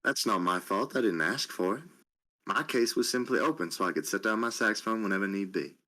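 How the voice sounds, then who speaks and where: A man voices a cocky street saxophonist in a tabletop game, glib and unbothered, talking his way past the rules. The voice is low, with a bright, forceful edge. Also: fairly quick.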